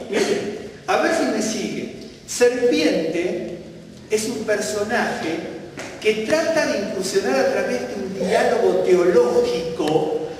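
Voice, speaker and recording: Brief: male Bible teacher, high voice, animated sermon delivery, distant mic in a big reverberant hall. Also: a little hiss or hum. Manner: animated, rising for quoted questions, self-correcting.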